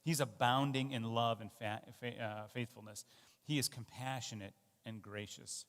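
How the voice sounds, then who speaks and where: A man's voice: mid-range voice, steady tone, moderate pace, big-room sound. A man giving a sermon in a conversational, self-deprecating way, with fillers and restarts. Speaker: pastor. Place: church.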